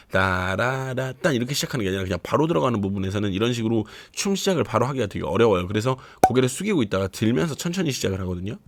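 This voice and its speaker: Fast-talking man reviewing dance clips. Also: lowish voice, slight background noise. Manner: chatty, explanatory, addresses viewers directly. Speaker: dance trainer reviewing a show. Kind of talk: casual video commentary.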